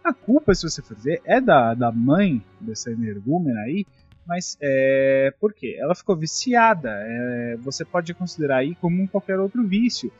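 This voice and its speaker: A Brazilian man hosts a casual chat, a bit high-pitched and husky, swearing as he tells stories with indignation. The recording is dull and lo-fi. Faint music plays underneath. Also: sing-song, normal speed. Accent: Brazilian Portuguese. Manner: profane, indignant storytelling. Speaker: podcast host.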